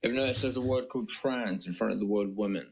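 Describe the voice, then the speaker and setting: A man's voice: fairly low pitch, quick pace, creaky, a little mellow, husky, lo-fi sound. A man in his twenties calling into a debate stream, lecturing and arguing his point. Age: 20s. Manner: lecturing, argumentative.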